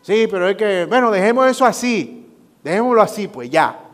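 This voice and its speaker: An exasperated, defensive wife in the middle of a marital argument, as a male preacher puts her on. She talks higher and louder than the man's own voice, brushing the matter off and waving complaints aside. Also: expressive, a little fast, long reverb tail, natural voice.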